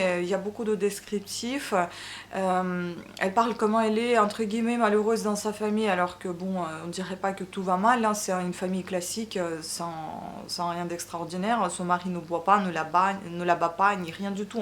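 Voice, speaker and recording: A Ukrainian-born woman chats through a casual book review in French, her second language, pausing often and restarting her sentences. Her voice sits at an ordinary mid pitch. A faint hiss of background noise runs under the recording. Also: steady tone. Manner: hesitant, many fillers and restarts. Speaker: book vlogger.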